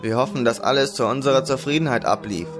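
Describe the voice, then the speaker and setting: A man voicing a stern old male grand mage with a rough, commanding voice in a fantasy audiobook. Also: mid-range voice, quick pace, music in the background, close to an everyday voice. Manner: commanding, formal.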